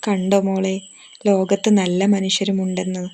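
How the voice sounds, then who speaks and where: Anxious, soothing storybook mother, read by a woman, slightly higher, with a gravelly voice. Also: completely flat delivery, normal speed, mellow, close to an everyday voice. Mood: consoling. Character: caring middle-aged mother, anxious and soothing.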